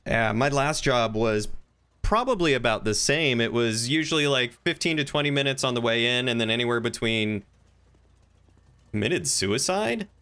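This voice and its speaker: Reading chat and thinking out loud, a male streamer wanders through casual talk over his game roleplay. The voice sits at a normal pitch, crisp and forward with some brightness, with lively intonation at a normal speed.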